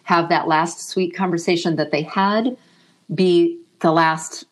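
Woman, middle-aged, low voice, soft-spoken, reflective, emotional interview guest. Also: fairly even intonation, slow pace.

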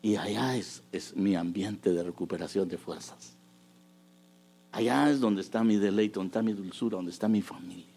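A man preaching a sermon, moving between hushed asides and loud, emphatic bursts. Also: on the low side, moderate pace, vocal fry, breathy edge.

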